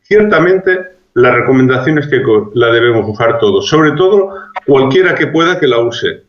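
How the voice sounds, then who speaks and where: Man explaining calmly in a roomy, dull recording. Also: medium pitch. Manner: measured, reasoned, with frequent restarts. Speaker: public health expert interviewed as guest. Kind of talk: explanatory interview answers.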